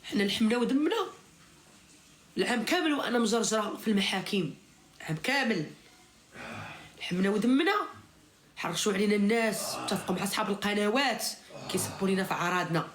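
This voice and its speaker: Moroccan woman, quick pace, heated informal venting, insistent repetition, roomy echoing recording. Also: mid-range voice, lively intonation. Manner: insistent, repeats phrases for emphasis.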